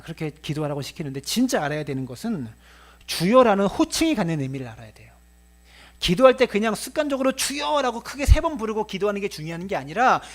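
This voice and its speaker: A male pastor giving a Sunday sermon, preaching with energy and acting out the voices of a master and his servants. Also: a little high.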